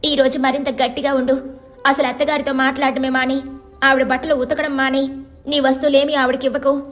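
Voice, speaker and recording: A woman's voice: high voice, level tone, a little fast, lightly acted. A woman voicing a bossy, sly village neighbor woman giving scheming advice.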